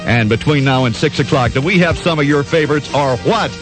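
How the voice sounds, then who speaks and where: A man's voice: fairly high pitch, fairly quick. An American man presenting live country radio as a DJ in a folksy, chatty manner. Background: faint music.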